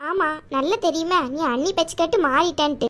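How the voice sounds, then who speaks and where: A woman's voice: extremely high pitch, fairly quick, a bit bright. A woman voicing a defensive younger sister in a cartoon, protesting and pleading. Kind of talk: animated cartoon voice acting.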